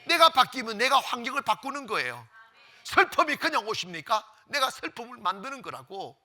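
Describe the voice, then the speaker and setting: A man preaching a Sunday sermon with a high, bright, animated voice. He builds to loud exclamations, then drops to near-whispers, and repeats phrases for emphasis. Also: brisk, faint music behind. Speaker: pastor.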